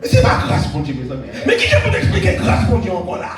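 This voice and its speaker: A male evangelist, preaching a fervent sermon and often shouting and calling amen to the congregation. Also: high-pitched, wildly swooping pitch, fast. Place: church hall. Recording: echoey church hall, far mic, music and crowd behind.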